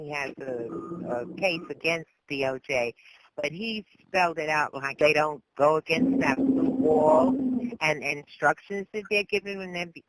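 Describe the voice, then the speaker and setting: A man's voice: fairly high pitch, pushed and bright, rough recording. A man from New York on a call-in discussion, earnestly recounting a long report.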